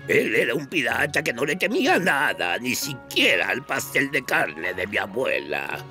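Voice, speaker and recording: A man with a Latin American Spanish accent playing a boastful old sailor boat in a cartoon, gravelly and theatrical as he spins tales. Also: medium pitch, wildly swooping pitch, normal speed, sharp tone, faint music behind, heavily acted. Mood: dramatic storytelling. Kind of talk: animated cartoon dub.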